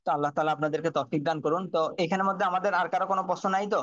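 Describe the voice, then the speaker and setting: A man's voice: fairly high pitch, steady tone, racing, fairly bright tone, dry recording, dull audio. A man teaching Quran reading online, patiently spelling out Arabic letters and drilling each sound.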